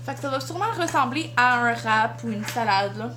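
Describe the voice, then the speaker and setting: A young mother with a Quebec French accent talks casually to her viewers. Her voice sits high and swoops around a lot. She slips easily into a sing-song tone for her little one. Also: expressive, brisk. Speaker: vlogger and mother. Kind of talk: casual home vlog.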